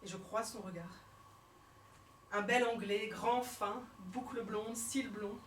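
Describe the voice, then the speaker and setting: A woman comedian performing a one-woman stage show, telling her story theatrically and swinging between hushed and shouted lines. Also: fairly high pitch, steady tone, takes it slowly, slight background noise. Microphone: fixed camera from the hall. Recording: roomy hall sound from far off.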